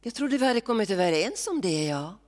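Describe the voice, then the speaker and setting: A woman voicing a gentle, hesitant old man, in a literary reading. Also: medium pitch, big pitch swings, voice pushed up, natural voice. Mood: puzzled.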